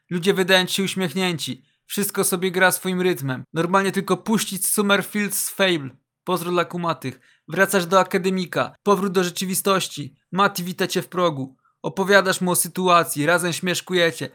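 Bright high-voiced male storyteller. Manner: slangy, jokey, reads internet asides aloud. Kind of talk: casual second-person story narration.

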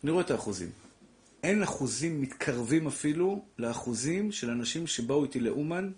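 A man's voice: a little high, animated, a little mellow. Man preaching with rhetorical questions. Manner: preachy, rhetorical questions, addresses listeners fondly. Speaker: rabbi giving a Torah class. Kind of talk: animated Torah lecture.

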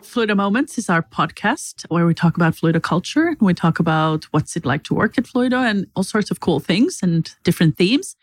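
A woman's voice: on the low side, animated, brisk, few pauses, breathy edge, dry recording. A woman hosting a company podcast and introducing her guests in a friendly, upbeat way. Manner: friendly, upbeat, many short affirmations. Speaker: podcast host, head of people and culture.

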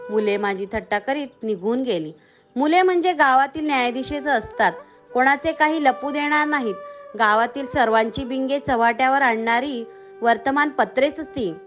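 A woman narrating a story in a steady, measured reading manner. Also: sits high, muffled recording, faint music behind.

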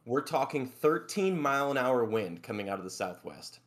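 A man guests on a casual sports podcast, laying out a long explanation at a middle pitch. He keeps checking in with his listeners as he goes. He sounds relaxed and talkative. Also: moderate pace. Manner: explanatory storyteller, tags lines with "right?".

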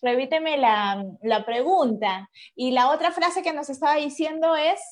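A woman's voice: high voice, unhurried. A woman hosting an educational talk, recapping for listeners and agreeing with her guest. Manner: short agreeing replies and recaps. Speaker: host.

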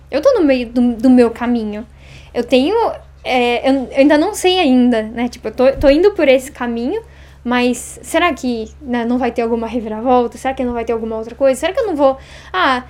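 A woman in her thirties from Brazil, chatting as an interview guest, talking fast and acting out little quoted exchanges. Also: high-pitched, expressive, darkish tone. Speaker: interview guest, Japanese teacher. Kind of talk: casual interview chat.

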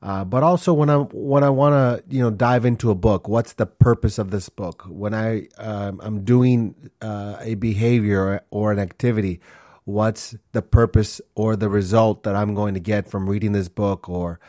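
In a casual solo monologue on his own podcast, this Honduras-born, Minnesota-raised host in his forties rambles earnestly with many fillers and restarts. His voice sits on the low side, mellow and steady-toned at a normal speed. It's recorded with studio quality and no echo.

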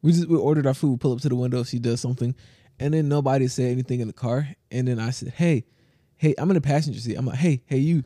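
A man's voice: medium pitch, steady tone, very fast, mellow, dry recording, studio quality. A young man co-hosting a podcast, telling a rambling story in casual chat with restarts and laughs. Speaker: podcast co-host.

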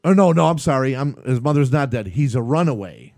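Animated storytelling man, dry sound. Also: medium pitch, a little fast, no echo. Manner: animated storytelling, laughs often. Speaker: podcast host. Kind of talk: casual live podcast chat.

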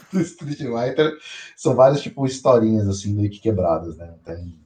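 Man, casual podcast chat, lively pitch, mellow tone, echoey room. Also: moderate pace. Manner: slangy, animated, repeats himself. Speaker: podcast co-host.

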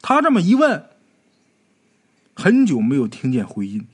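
Male storyteller, ghost story, husky voice, lively swinging pitch, dramatic telling. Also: a little slow.

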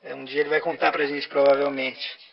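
A man's voice: mid-range voice, flat delivery, fairly quick, vocal fry, highs cut off. A Brazilian man co-hosting a podcast with a half-robotic voice filter, teasing and reading out donations as a programmed machine. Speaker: podcast co-host. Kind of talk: casual banter and reading donations. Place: podcast studio.

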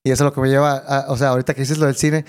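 A man hosting a casual chat with his father, telling lively childhood anecdotes. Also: mid-range voice, rapid-fire, clean tone. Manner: lively anecdote teller, acts out quotes.

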